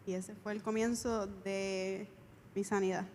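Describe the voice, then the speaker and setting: A young woman giving a church testimony, speaking softly and haltingly with many pauses. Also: mid-range voice, little pitch movement. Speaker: pastor's daughter giving testimony. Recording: hall reverb, faint room noise.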